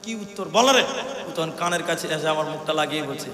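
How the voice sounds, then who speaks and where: A man preaching a sermon at a religious gathering, telling a story, acting out both sides of a conversation, and building up to shouts. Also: on the high side, brisk. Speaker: Islamic preacher. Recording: echoey hall reverb, faint hum.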